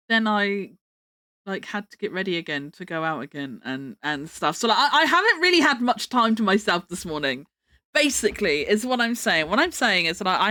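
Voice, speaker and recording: Bright-voiced British woman streamer, cute and playful. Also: mid-range voice, no room sound, clean studio sound. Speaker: livestream host. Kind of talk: casual livestream chat.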